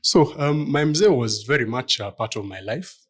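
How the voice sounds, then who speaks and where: A husky, medium-pitched male voice with lively intonation and a moderate pace belongs to a middle-aged law firm partner from Kenya. Answering questions in a conversational interview, he sounds thoughtful but hesitant and leans on lots of fillers.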